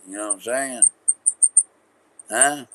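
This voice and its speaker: A man's voice: sits low, takes it slowly, a bit bright. A man rambling in casual late-night talk, slangy and profane, repeating himself and drifting from thought to thought.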